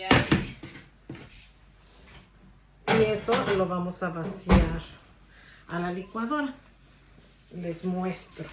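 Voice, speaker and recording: Mexican woman, cooking host, casual and talkative, lowish voice, faint background noise. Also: echoey room. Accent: Mexican Spanish. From Mexico, Guadalajara. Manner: chatty, stubborn, keeps asking "¿ok?". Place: home kitchen.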